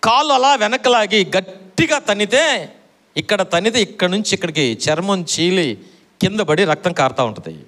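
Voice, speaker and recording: A man's voice: high voice, animated, normal speed, a bit bright. A middle-aged man preaching a sermon, repeating his phrases and quizzing the congregation for answers. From Andhra Pradesh, India.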